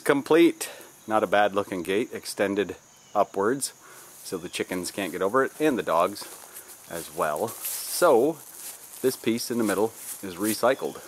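Casting: low-voiced Southern man, 50s, plain DIY explainer recorded outdoors with insects buzzing behind him. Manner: plain, practical explaining while working. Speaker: DIY video host. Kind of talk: casual how-to narration. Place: outdoors in a backyard. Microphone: camera mic from a few feet away. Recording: outdoor camera audio with insect noise.

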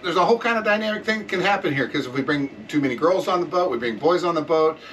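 A middle-aged man hosting a casual chat at a table in a boat's cabin, talking with animated enthusiasm. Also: a little high, quick pace, distant mic, a little hiss or hum, low-quality recording. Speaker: boat captain and show host. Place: boat saloon indoors.

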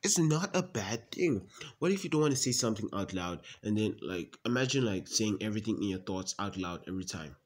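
A man's voice: lowish voice, expressive, brisk. A man playing a self-absorbed young brother in a comedy sketch, rambling defensively with many fillers.

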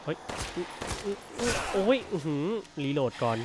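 A man's voice: high voice, normal speed, very noisy. A man playing through a horror game demo, muttering to himself and breaking into startled outbursts. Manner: excitable, jumpy outbursts and muttering. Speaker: gameplay streamer. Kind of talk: casual let's-play commentary.

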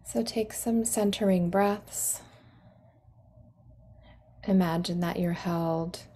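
This meditation guide is a woman with a fairly low, slow voice whose instructions are calm and comforting, a few phrases melting into breathy near-whispers.

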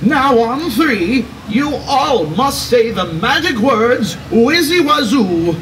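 High-pitched theatrical kids' magician wizard. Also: male voice, expressive, a bit bright, far from the mic, exaggerated voice, rough recording. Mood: grand, encouraging. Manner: theatrical, drawn-out showman delivery. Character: good-natured, theatrical male wizard coaxing children through spells. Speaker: stage show wizard leading audience magic spells. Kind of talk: live children's stage comedy, kids party magician manner.

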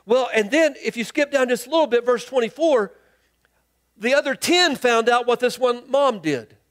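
Animated high-voiced man preaching a sermon. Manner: animated storytelling, acts out the people in the text in quick lively voices; drops to a quiet, earnest tone for key points. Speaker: pastor. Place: church sanctuary.

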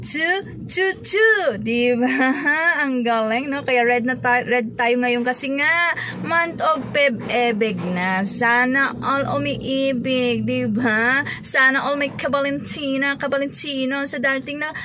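Woman, 30s, high voice, bubbly and playful, phone mic at arm's length, noisy background. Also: takes it slowly. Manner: bubbly, playful, laughing often, sing-song greetings. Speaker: vlogger. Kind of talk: casual chatty vlog. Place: inside a parked car. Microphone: phone camera held at arm's length.

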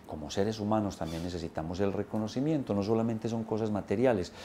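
A man's voice: lowish voice, steady tone, fast, dark tone, a little hiss or hum. A man in his thirties, a business coach giving an emphatic instructional talk to camera on a lapel mic in an indoor studio. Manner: emphatic, gesturing with both hands, listing points.

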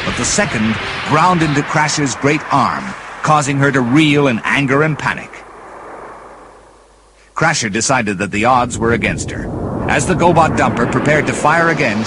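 Man narrating a dramatic storybook. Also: mid-range voice. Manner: dramatic, vivid reading.

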